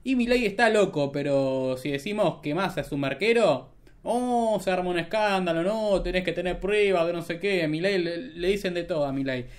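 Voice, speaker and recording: A man's voice: sits high, normal speed. A young Argentine man doing casual political commentary as a streamer, sarcastic and mocking, at a desk mic in a small room. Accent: Argentine Spanish.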